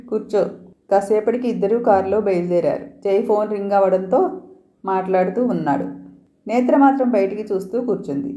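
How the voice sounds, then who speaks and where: A woman storyteller calmly reading a romance story aloud. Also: mid-range voice, reverberant.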